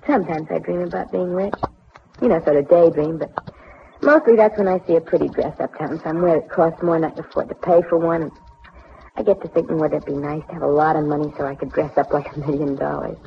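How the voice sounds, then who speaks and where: A woman's voice: sits low, steady tone, fast talker, gravelly, slight background noise. A dreamy, folksy young woman. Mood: wistful. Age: young adult. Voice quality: folksy, homespun talk. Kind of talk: 1940s radio acting. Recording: dull 1940s radio recording.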